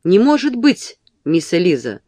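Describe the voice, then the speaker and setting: A woman's voice: on the low side, sing-song, unhurried, dark tone, no echo. A woman voicing a proud, easily angered young man who answers curtly, read from a novel. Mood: tense.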